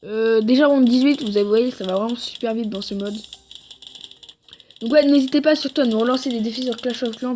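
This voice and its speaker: A woman talks through her own gameplay in a loose, rambling commentary, stopping often to correct herself. Her voice sits a little on the high side, with a faint hiss of noise behind it. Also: darkish tone. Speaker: gaming video creator.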